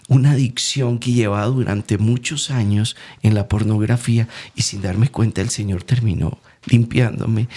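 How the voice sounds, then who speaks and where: A young Colombian man giving an emotional faith testimony as an interview guest, storytelling with lively acted-out quotes. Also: medium pitch. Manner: animated storyteller acting out quoted voices.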